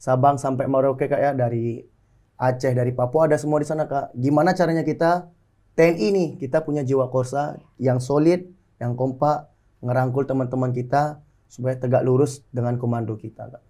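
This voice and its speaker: A man's voice: mid-range voice, steady tone, normal speed, mellow. A man in his twenties from Bali, a soldier and martial arts athlete, answering interview questions earnestly and often addressing the host politely. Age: 20s. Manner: earnest, often adds "Kak" to phrases. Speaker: soldier and pencak silat athlete.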